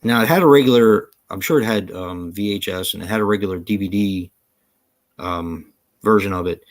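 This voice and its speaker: A podcast co-host with a low-sitting voice talks briskly during a casual live show from home. He rambles easygoingly, uses lots of fillers, and laughs easily.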